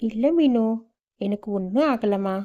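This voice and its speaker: A weary cartoon mother who works as a maid, as a woman voices her. She talks earnestly and soothingly in a fairly high voice, on a slightly dull recording. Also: a little slow, lightly acted. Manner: earnest, reasoning and reassuring. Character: poor weary mother, a housemaid.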